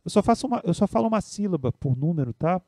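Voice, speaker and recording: A man's voice: sits high, animated, quick pace, mellow, no room sound, studio quality. A man with a Brazilian Portuguese accent teaching a piano and music theory lesson, patiently explaining step by step and checking in with "né?" and "tá?".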